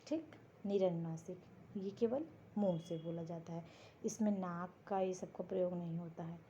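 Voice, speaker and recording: Female teacher, warm mellow tone, walks through a lesson by posing and answering her own questions. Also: fairly low pitch, dull audio, slight background noise. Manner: slow, explains step by step, asking and answering her own questions. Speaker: Hindi grammar teacher. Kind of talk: classroom-style exam prep lesson. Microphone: board lesson video, writing while talking.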